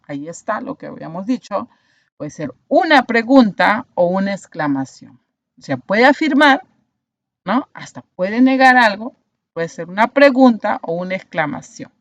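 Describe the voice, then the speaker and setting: Teacher, woman, mid pitch; patient explainer with tag questions, dry, dull lo-fi audio. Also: no room sound. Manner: explanatory, checks understanding with frequent "¿no?". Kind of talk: online grammar class.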